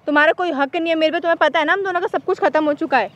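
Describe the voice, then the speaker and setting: A woman's voice: very high voice, rapid-fire. A young woman in a staged vlog argument, curt, scolding and dismissive, with faint traffic noise outdoors. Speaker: vlogger's partner.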